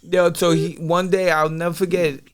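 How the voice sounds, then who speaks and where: A man's voice: high voice, a little fast, smooth. A man, telling stories as a podcast guest and acting out the voices of people in them. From Brooklyn, New York. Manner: animated, acts out his father's voice. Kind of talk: casual storytelling.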